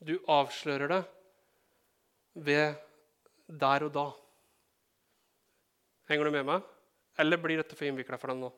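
A man's voice: a little high, steady tone, pauses often, fairly bright tone, clear, resonant tone. A man from Norway preaching a sermon in a conversational way, checking in with the congregation and adding joking asides. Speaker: pastor.

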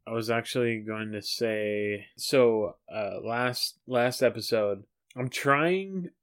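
A man's voice: medium pitch, slow, clear, resonant tone. A man co-hosting a podcast in casual chat, earnest and keen to set the record straight. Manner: earnest, keen to correct himself. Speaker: podcast co-host.

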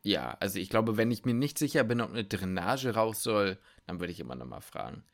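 Young male co-host, low-pitched, rambly casual talk full of fillers. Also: big pitch swings, brisk. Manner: loose, rambling with many fillers. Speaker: podcast co-host, medical student. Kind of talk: casual chat.

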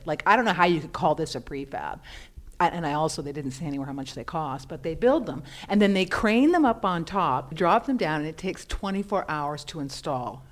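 A woman, co-hosting a casual chat and presenting news items with enthusiastic, filler-filled talk. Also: lowish voice. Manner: enthusiastic, chatty, many fillers.

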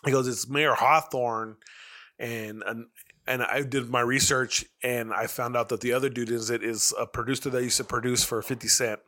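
A man's voice: medium pitch, little pitch movement, brisk, pushed and bright. A man co-hosting a podcast, telling stories in a laid-back, slangy way with lots of swearing. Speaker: podcast co-host. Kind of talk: casual chat.

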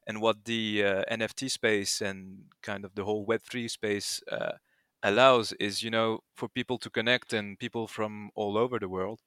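A man's voice: on the low side, little pitch movement, normal speed, fairly bright tone, clear, resonant tone, dry recording, clean studio sound. A young man in his twenties with a French accent, a guest in a casual podcast interview who rambles with many fillers and restarts. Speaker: guest, project founder.

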